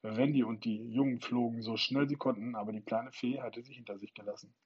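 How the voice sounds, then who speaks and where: A man reads a children's storybook aloud at an even, earnest pace. His voice is husky and sits in a middle pitch, recorded at home with a dull, lo-fi sound. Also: fairly quick. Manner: calm, earnest reading; self-deprecating about his voice. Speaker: storybook reader. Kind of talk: reading a children's book aloud.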